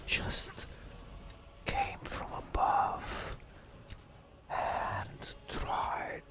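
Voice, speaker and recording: A man narrates a fantasy game as ASMR in a soft, breathy whisper, telling the story slowly and dramatically with long pauses.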